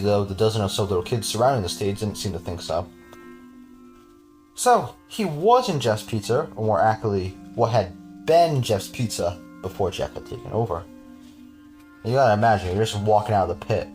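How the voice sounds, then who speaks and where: Man with a lowish voice reading a creepy story for a podcast, casual, stops to joke and laugh. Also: animated, fairly quick, a little mellow, soft background music. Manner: casual, chuckling, breaks off to joke with his cohost. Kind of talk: reading a horror story aloud with jokey asides.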